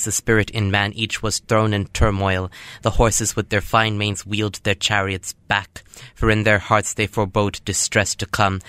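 Low, even-voiced man reading aloud. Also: clear, resonant tone, no room sound. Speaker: host reading classic literature.

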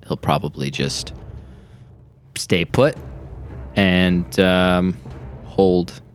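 A man playing a tabletop game, talking slowly and haltingly in a low-key way. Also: soft background music. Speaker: player.

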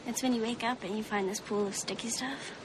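A woman's voice: fairly high pitch, steady tone, a little fast, noisy background, natural voice. An actress playing a blunt, provocative teenage girl in film dialogue, frank and teasing.

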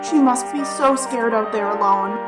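A man putting on a frantic, crying mother, her voice pitched very high and breaking. She pleads for help in a fantasy audio story. The sound is roomy and distant, with music swelling underneath. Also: moderate pace. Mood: pleading, tearful. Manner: crying, struggling to speak. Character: weeping desperate mother searching for child. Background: loud music.

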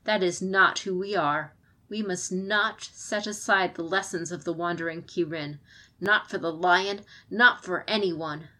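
Voicing an impassioned, indignant female advisor in an audiobook, a woman gets louder as she makes her case. She speaks in a lowish voice at a measured pace.

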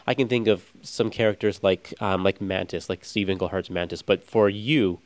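A man's voice: deep voice, steady tone, normal speed, no room sound. A man in his thirties hosting a podcast in a casual, chatty style, enthusiastic and informal. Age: 30s. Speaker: podcast host.

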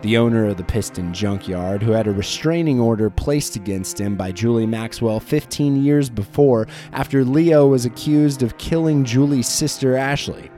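A man's voice: medium pitch, normal speed, hardly any pauses, dark tone. A man narrating a recap of a tabletop game in a dry, matter-of-fact storytelling manner with casual swearing. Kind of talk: scripted narration. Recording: background music.

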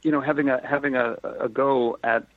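A man's voice: medium pitch, brisk, dry recording. Man talking over a tinny phone line. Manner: animated, laughing, full of asides and quoted exchanges. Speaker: actor guest. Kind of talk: casual interview conversation. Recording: tinny phone-line remote audio, dry.

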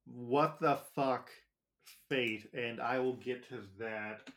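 A man's voice: mid-range voice, fairly even intonation, slow pace, fairly bright tone. A man co-hosting a podcast, recapping episodes in a casual, joking way with plenty of filler words. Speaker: podcast co-host.

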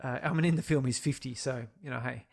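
A man with a neutral Australian accent co-hosting a casual film discussion, recapping scenes in a relaxed storytelling way. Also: medium pitch, quick pace, gravelly. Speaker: podcast co-host.

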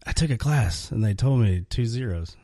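A man guesting on a podcast in a small studio, talking in a deadpan, self-deprecating way. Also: medium pitch, normal speed, dry recording. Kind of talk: casual podcast chat.

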